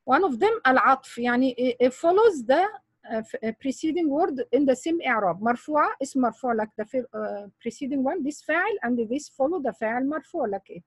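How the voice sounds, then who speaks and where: A woman's voice: high voice, expressive, moderate pace, slightly rough, no room sound. A woman teaching grammar in English, quizzing her students with repeated questions. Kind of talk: online grammar lesson.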